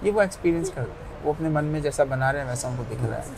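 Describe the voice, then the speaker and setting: A man's voice: a little high, expressive, fast, gravelly, noisy background. A man, a yoga practitioner, talking emphatically in a casual interview, often repeating himself and asking rhetorical questions.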